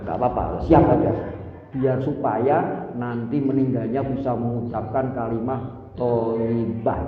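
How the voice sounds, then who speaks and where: An older man giving a lively, joking sermon and putting questions to the listeners. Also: medium pitch, unhurried. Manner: lively, jokey, questions the audience. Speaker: preacher. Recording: echoey hall, far from mic, tinny.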